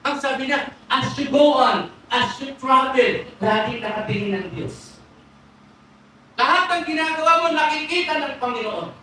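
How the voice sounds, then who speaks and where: A man's voice: very high-pitched, moderate pace, slight background noise. A man with a Filipino accent, preaching a sermon as pastor, mixing Tagalog and English and telling stories with animation. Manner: switches between Tagalog and English, animated storytelling. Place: church hall. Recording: echoey church hall, far from the mic.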